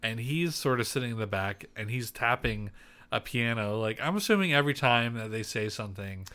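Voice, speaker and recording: A man's voice: medium pitch, expressive, fairly quick, bright, forceful tone, smooth. A man co-hosting a podcast, chatting casually and rambling with lots of fillers, restarts and laughs. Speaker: podcast co-host. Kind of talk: casual chat.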